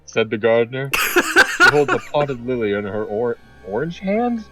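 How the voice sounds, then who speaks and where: A man's voice: medium pitch, big pitch swings, measured pace, over loud music, poor audio. A young man reading a garbled story aloud, often breaking off to laugh and comment. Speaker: reader and channel host. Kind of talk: improvised comedic reading.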